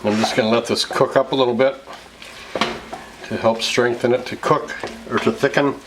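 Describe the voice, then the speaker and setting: A man's voice: mid-range voice, fairly even intonation, normal speed. A man in his fifties with an American accent, talking casually as a cooking show host and explaining each step of a recipe. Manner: explanatory, conversational step-by-step narration. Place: home kitchen, indoors. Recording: clear background noise, kitchen clatter.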